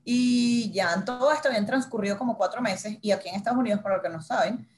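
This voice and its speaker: A woman's voice: mid-range voice, fast. Woman in her thirties telling her story. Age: 30s. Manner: animated, acts out her own inner dialogue. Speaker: guest, journalist. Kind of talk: conversational interview storytelling.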